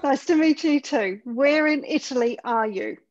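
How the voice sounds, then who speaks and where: A woman's voice: high voice, animated, normal speed. A woman who is a visiting English teacher, greeting students in a friendly online class over a video call. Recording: dull lo-fi video call audio.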